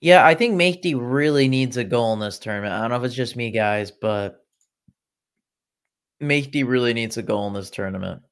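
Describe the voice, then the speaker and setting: A man's voice: medium pitch, lively intonation, moderate pace, smooth. Young guy from iran doing a football watchalong stream on his laptop, chatty, answers chat with sarcasm. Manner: chatty, reacting to chat comments, sarcastic asides. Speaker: livestream host. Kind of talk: casual football watchalong commentary.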